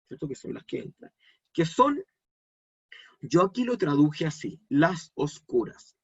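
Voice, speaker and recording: A man's voice: a little high, darkish tone, slightly rough, highs cut off. A man giving a live online Kabbalah lesson, explaining step by step and checking in with his audience. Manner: explanatory, asks the audience questions. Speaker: Kabbalah teacher.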